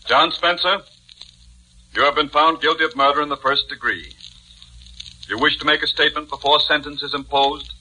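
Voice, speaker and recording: An actor playing a stern, pompous judge who also narrates, in 1940s radio acting. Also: male voice, a little high, normal speed, pauses often, bright, forceful tone, a little hiss or hum, low-quality recording. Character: stern, pompous middle-aged male judge.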